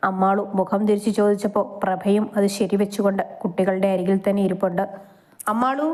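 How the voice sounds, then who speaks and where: A woman's voice: mid-range voice, mellow. A woman reading a romantic story aloud, voicing the young wife and her husband herself.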